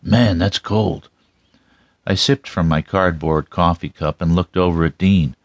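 Very low-voiced male audiobook narrator. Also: fairly even intonation, moderate pace, no room sound. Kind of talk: scripted first-person crime story narration.

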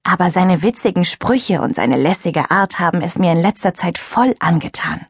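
A woman narrating a youth audiobook in the first person, chatty and expressive. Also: lowish voice, moderate pace, breathy edge, no echo, clean studio sound.

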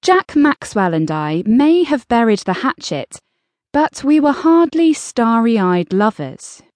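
A woman reads a first-person story in a dry, wry manner. Her delivery is slow and unhurried, with a lively pitch that moves freely. The studio sound is close and dry. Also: dry recording. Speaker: audiobook narrator. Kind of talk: first-person scripted narration.

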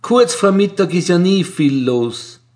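A man putting on a shrill, bored woman postal clerk. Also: very animated, unhurried, a little mellow. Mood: bored, daydreaming. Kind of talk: audiobook character voice.

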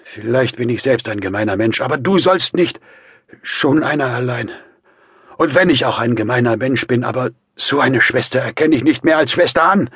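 A man's voice: mid-range voice, measured pace, pauses often, slightly rough, no echo, studio quality, voice pushed up. A man voicing a feverish, defiant young man in an audiobook, speaking in a strained, insistent way. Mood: desperate. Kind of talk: audiobook character voice.

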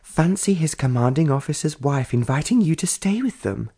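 A man's voice: fairly high pitch, animated, normal speed, dark tone, breathy edge, voice pushed up. A man voicing an eager, curious young woman painter who asks direct questions and answers bluntly.

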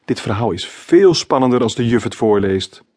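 Male author reading his kids' book aloud; husky voice, dry close recording. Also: mid-range voice, animated, moderate pace, a little mellow, no room sound. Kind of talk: scripted children's audiobook narration.

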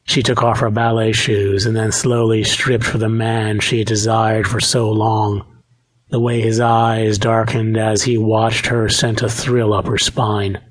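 A man reading a romance audiobook aloud, in a steady, measured narration. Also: lowish voice, husky. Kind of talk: scripted narration.

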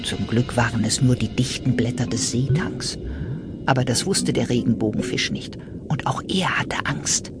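Expressive woman reading a children's story. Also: a bass voice, moderate pace, over loud music. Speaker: audiobook narrator. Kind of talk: children's audiobook narration.

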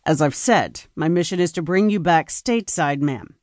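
A woman's voice: deep voice, animated, normal speed, a little mellow, no room sound, studio quality. A woman voicing a stern, dutiful male military lieutenant who speaks in a clipped, formal way. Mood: firm.

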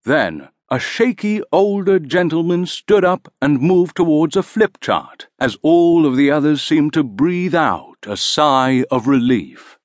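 A man narrating a children's audiobook in an expressive storytelling manner. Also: on the high side, no room sound, clean studio sound. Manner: slow, expressive.

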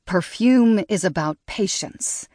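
A woman's voice: medium pitch, expressive, normal speed, darkish tone, no echo, clean studio sound, natural voice. A woman voicing a proud young woman perfumer who holds back her anger behind clipped, cold words.

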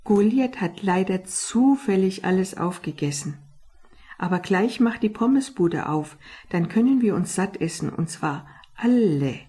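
Woman doing a clever impatient sparrow, brisk, bossy, mellow husky voice. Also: mid-range voice, animated. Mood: calm.

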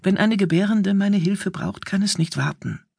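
A woman voicing a quiet, hesitant healer wife who speaks softly and carefully, in an audiobook. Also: medium pitch, moderate pace, vocal fry, slightly rough, dry recording, clean studio sound, pitched above the performer's own voice. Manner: soft-spoken, hesitant.

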